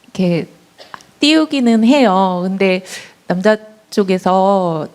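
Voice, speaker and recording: A woman's voice: medium pitch, expressive, slow pace, darkish tone. A young woman in the audience, politely and hesitantly asking about her boyfriend. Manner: hesitant, polite, laughs nervously. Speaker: audience member asking a question. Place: lecture hall.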